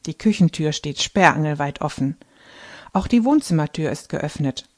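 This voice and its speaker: A woman reading a Christmas story aloud with measured, expressive narration. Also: deep voice. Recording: faint background music.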